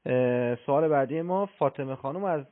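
Man, radio host, formal, courteous, mid pitch, narrow lo-fi sound. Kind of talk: hosting a call-in show.

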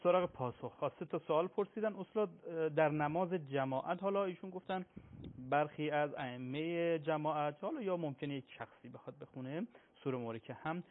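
A man hosting a radio call-in show, courteously relaying callers' questions to a cleric. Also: on the high side. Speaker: radio host. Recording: phone-like radio broadcast sound.

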